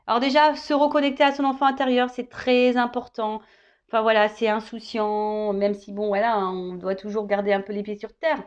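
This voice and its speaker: A woman's voice: a little high, flat delivery, a little fast, smooth, muffled recording. A woman in her thirties giving a casual tarot guidance reading, chatty and joking. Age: 30s. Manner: chatty and joking, tagging phrases with "hein". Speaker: tarot reader.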